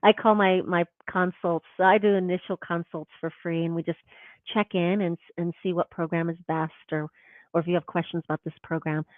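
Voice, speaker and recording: A woman's voice: on the low side, steady tone, a little fast, dry recording. A woman, a guest teacher in a casual conversation, reflective and laughing often as she talks in earth metaphors. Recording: tinny phone-like call audio.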